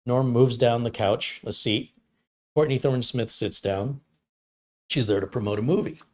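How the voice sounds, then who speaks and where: A middle-aged man's mid-range, slightly mellow voice moves a little slowly as he hosts a live stream. Reading chat in a casual way, he drifts from story to story and puts on different voices for the quotes.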